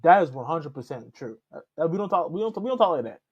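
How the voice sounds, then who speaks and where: A man reacts to a clip in a casual ramble, often restarting his sentences. His voice sits a bit high and swings up and down with lots of life. The recording is dull and lo-fi. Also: sing-song, quick pace, a little mellow, slightly rough. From Canada. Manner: rambling, repeats and restarts while he talks. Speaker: reaction channel host.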